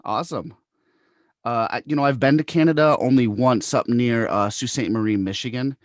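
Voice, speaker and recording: A man's voice: mid-range voice, normal speed, dry recording. Easygoing male podcast host. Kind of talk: casual interview hosting.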